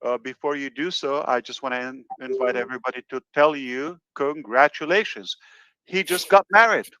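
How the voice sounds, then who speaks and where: A man hosting a webinar over a video call, talking in a reassuring, halting way with many fillers. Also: mid-range voice, sharp tone, dry recording, highs cut off. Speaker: webinar host. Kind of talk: casual webinar talk.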